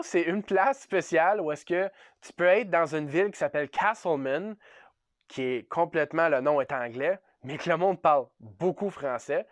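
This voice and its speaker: A man's voice: a little high, no room sound, studio quality. A man from Ontario with a Franco-Ontarian French accent, hosting a casual, upbeat vlog and mixing English words into his French. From Ontario, Canada. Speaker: channel host.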